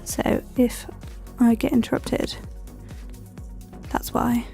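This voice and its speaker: Her voice is on the high side, gravelly and mellow, with little pitch movement and a slow pace; soft music plays behind her. A young planner vlogger with a cold, she rambles chattily and says um often while decorating her planner.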